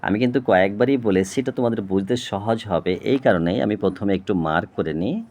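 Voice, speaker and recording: A man teaching a lesson at a board, explaining slowly and patiently, spelling out words and often checking with "okay?". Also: lowish voice, a little mellow. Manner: slow, patient, repeats "okay?" to check understanding; spells words out and breaks them into parts. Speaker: tutor.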